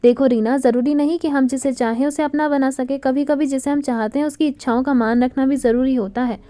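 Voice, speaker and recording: A woman's voice: sits high, steady tone, fairly quick, mellow, close to an everyday voice. Lakshya, a woman voicing a firm young man. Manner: firm, patient explaining.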